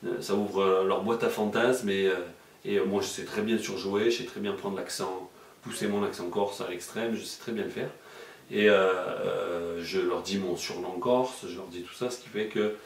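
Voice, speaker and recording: Man, journalist guest, hesitant with many fillers, deep voice, far from the mic. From Marseille, France. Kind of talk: casual explanatory interview talk. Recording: echoey room, mic far off.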